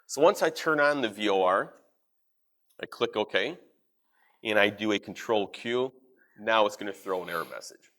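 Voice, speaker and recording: A man giving practical advice in a live software demo at a conference session. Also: on the low side, moderate pace, long pauses. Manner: practical, advisory. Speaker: presenter.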